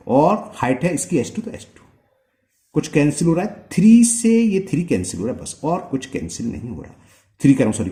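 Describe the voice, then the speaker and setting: Male maths teacher, patient step-by-step explainer who keeps checking in with the viewer; mellow tone, animated pitch. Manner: slow, step-by-step, asking the viewer questions. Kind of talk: explaining a multiple-choice solution.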